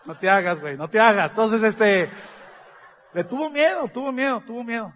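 A man's voice: sits high, expressive, normal speed, a bit bright, a little hiss or hum. A man, speaking as a business speaker. He tells humorous stories to an audience, acting out the dialogue and laughing along.

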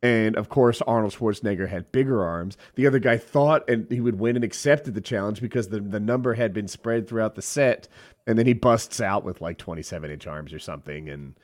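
A man's voice: lowish voice, fairly quick. Man rambling with stumbling restarts. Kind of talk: casual chat.

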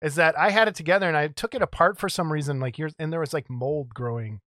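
A man's voice: on the high side, fast, a bit bright, no room sound, studio quality. A middle-aged man co-hosting a casual show-and-tell about model kits, rambling and chuckling as he goes. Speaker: co-host of a model kit show.

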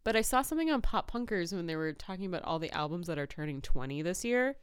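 A woman's voice: on the low side, big pitch swings, fast, clear, resonant tone, no echo, studio quality. A woman in her thirties co-hosting a casual chat, swearing freely, laughing often and telling stories with animation. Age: 30s. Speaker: podcast co-host. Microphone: no pop filter.

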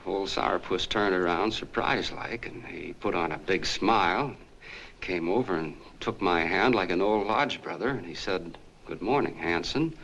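A folksy old-movie soda jerk, deep voice, rambling on and on, bit of hiss. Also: male voice, normal speed, a bit bright, poor audio. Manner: folksy, rambling, chatty storytelling. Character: earnest small-town soda jerk, middle-aged man. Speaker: soda fountain clerk telling a story. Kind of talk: 1940s film acting.

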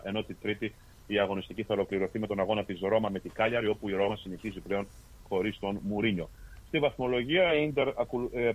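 Man, low-pitched, sports podcast host, methodical, fillers and restarts. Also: poor audio. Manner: steady, methodical, with fillers and self-corrections. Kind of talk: reading sports results and casual chat. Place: lives in Australia.

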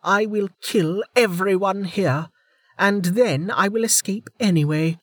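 A man puts on a raised voice for a fierce masked woman fugitive in a storybook, pitched well above his own. She is cold, snappish and threatening, the dry sound close and clean. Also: husky, no echo, heavily acted. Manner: snappish and menacing.

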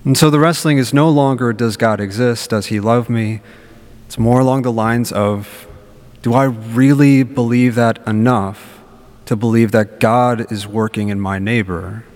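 A man's voice: medium pitch, fairly even intonation, unhurried, a little mellow. A man speaking as a priest at church, reading scripture and preaching in a reflective way, with long cathedral-like echo around his voice. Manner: reflective, informal, rhetorical questions. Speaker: priest giving a homily. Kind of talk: Gospel reading and conversational sermon. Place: large reverberant church.

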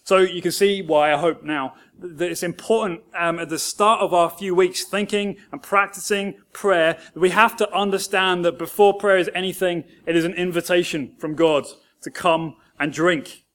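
A man's voice: high voice, steady tone, moderate pace, fairly bright tone. A man preaching a sermon as pastor, earnest and telling stories to make his points.

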